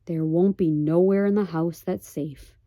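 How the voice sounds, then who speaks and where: A woman voicing a weary, plain-spoken tiny borrower father who talks in a flat, expressionless way. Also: lowish voice, measured pace, no echo, close to an everyday voice. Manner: flat, expressionless, rustic grammar.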